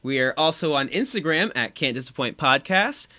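A man's voice: fairly high pitch, animated, moderate pace, pushed and bright. A man co-hosting a podcast in casual, jokey chat, with a playful, profane manner. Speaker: podcast co-host.

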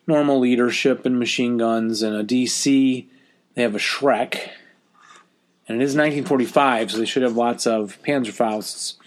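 A man hosting a casual hobby podcast while suffering from a cold, recorded in his basement with a modest mic and basement echo. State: has a cold. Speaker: podcast host. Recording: echoey basement, lower-quality home mic.

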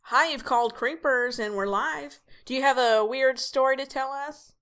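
A woman's voice: high voice, normal speed, fairly bright tone, slight background noise. A woman playing a radio call-in show host, casual and skeptical with her callers. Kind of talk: late-night radio call-in acting.

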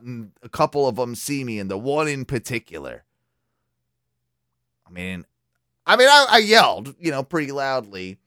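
A man's voice: a little high, fairly bright tone, clean tone, no echo, clean studio sound. A man hosting a radio show, telling a profane, rambling story in casual chat.

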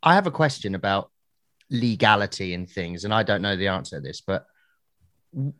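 A man with a very low voice co-hosts a podcast and tells stories in a blunt, unhurried way. His sound is close and dry, with no room around it. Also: expressive, a bit bright, no room sound. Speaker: podcast co-host. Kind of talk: casual podcast chat.

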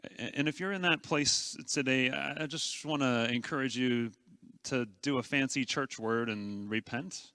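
A man's voice: medium pitch, a little slow, bright, forceful tone, clear, resonant tone, no room sound, clean studio sound. A man preaching an earnest, conversational sermon as a pastor, often stammering and restarting his phrases.

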